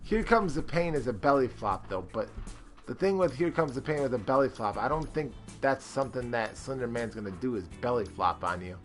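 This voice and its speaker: A man's voice: medium pitch, expressive, fairly quick, faint music behind. A man streaming a character-creation game, rambling with lots of fillers and greeting chat viewers. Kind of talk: casual live-stream commentary.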